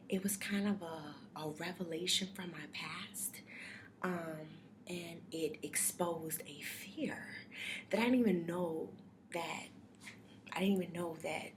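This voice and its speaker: A young woman in a casual, confessional vlog. She talks softly and reflectively and thinks aloud, with many fillers and restarts. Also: fairly low pitch. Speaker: vlogger sharing personal reflections. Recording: steady background noise.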